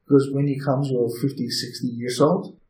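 A man in his forties from Turkey with a Turkish accent, a guest telling lively stories in halting English as a non-native speaker. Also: mid-range voice. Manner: chatty, animated storyteller, halting phrasing. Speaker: guest, inn owner and balloon pilot. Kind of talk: casual interview storytelling. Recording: roomy echo.

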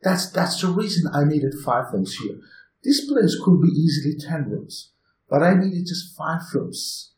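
A man in his forties from Turkey with a Turkish accent, a guest telling lively stories in halting English as a non-native speaker. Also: a little high. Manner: chatty, animated storyteller, halting phrasing. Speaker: guest, inn owner and balloon pilot. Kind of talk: casual interview storytelling. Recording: roomy echo.

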